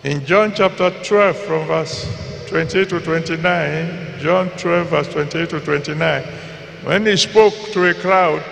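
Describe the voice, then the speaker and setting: A man with a Nigerian accent preaching a sermon deliberately, pausing between short phrases and repeating them for emphasis, his voice gravelly and creaky. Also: fairly high pitch, a bit bright. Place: large church auditorium with PA reverb. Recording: reverberant large hall, faint background noise.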